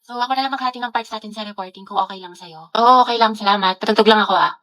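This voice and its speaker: A woman's voice: medium pitch, very fast, fairly bright tone, no room sound. A woman acting in a comedic school skit, giddy and dramatic.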